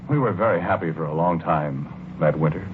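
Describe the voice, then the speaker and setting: On a muffled old recording in 1940s radio drama style, an actor plays a gentle husband obsessed with his flowers. His low, natural voice is wistful as he speaks haltingly and earnestly, repeating phrases, over slight background noise.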